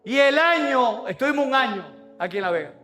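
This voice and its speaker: A male pastor delivering an impassioned sermon in a church, building to shouted peaks. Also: very high-pitched, animated, fairly quick, faint music behind.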